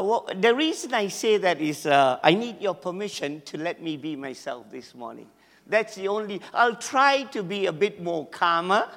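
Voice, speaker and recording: Man, malaysian english accent, guest preacher, lively and over the top, high voice, echoey church hall. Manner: excitable and over the top, laughing often. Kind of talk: sermon.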